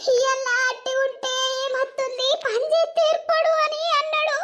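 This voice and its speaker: A woman's voice: very high voice, fairly even intonation, normal speed, fairly bright tone. A woman voicing a hurt village housewife who speaks in a plaintive, aggrieved way.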